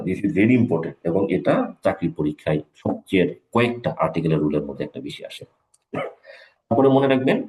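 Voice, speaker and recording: A man with a fairly low, warm voice teaches an English grammar lesson in Bengali during a live online class. He repeats his examples and spells them out letter by letter.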